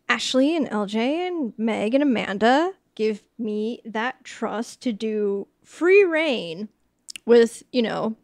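Cooking while she chats about editing, this young podcast host rambles in a self-deprecating, casual vlog style. Her voice is a little high, creaky and a little mellow, with no echo.

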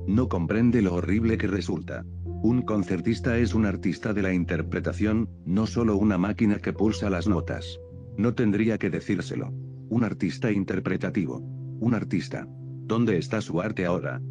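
A man's voice: lowish voice, normal speed, natural voice. A man voicing a passionate young woman music student who speaks in indignant, accusing questions. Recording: music playing behind the voice.

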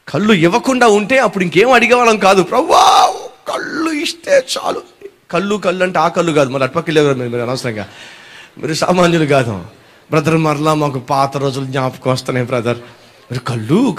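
A male pastor preaching a sermon, animated and firing questions at his congregation. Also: sits high.

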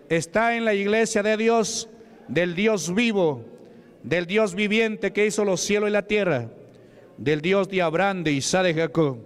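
At a church deliverance service, a Peruvian man with a high, smooth voice and a Peruvian Spanish accent leads the preaching. He calls out commands at full volume and chants repeated praises.

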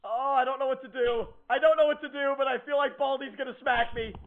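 A man in his twenties reacting like a scared horror game streamer, panicky and prone to yelling and exclaiming. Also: extremely high pitch, fairly even intonation, quick pace. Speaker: gaming video host. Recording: tinny, phone-like, noisy audio.

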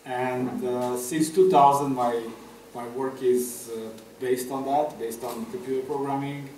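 A man's voice: medium pitch, fairly even intonation, a little slow, a little mellow, a little hiss or hum. A middle-aged man from Romania, a guest artist, talking hesitantly with many fillers at a festival table talk. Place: room with a table, audience. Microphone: table mic on stand. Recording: echoey room, far from mic.

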